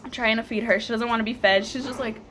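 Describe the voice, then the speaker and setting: A woman's voice: fast talker, slight background noise. A young woman vlogger telling a story animatedly, laughing often and acting out what people said. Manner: animated, laughs often, acts out quotes in higher voice. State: tearful at moments. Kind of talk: casual storytime vlog.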